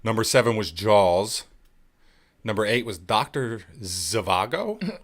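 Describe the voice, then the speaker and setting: A man's voice: lowish voice, animated, slow pace. A man in his thirties hosting a casual live podcast, sarcastic and joking, swearing freely. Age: 30s. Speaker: podcast host.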